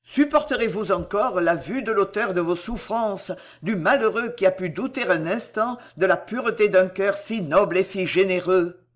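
A man's voice: sits high, moderate pace, lightly acted. A man reading an audiobook, voicing a remorseful young male lover who declaims in fervent exclamations. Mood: impassioned.

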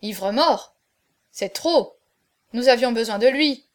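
A woman's voice: on the high side, slow. A woman reading aloud, voicing a haughty prince who speaks curtly and with authority. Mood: displeased. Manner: curt, commanding. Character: prince, haughty, displeased nobleman.

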